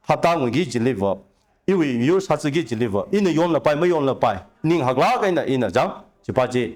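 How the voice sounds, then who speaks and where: A man speaking at length as a talk show guest, giving long animated explanations with rising emphasis. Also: on the high side, brisk. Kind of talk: conversational discussion.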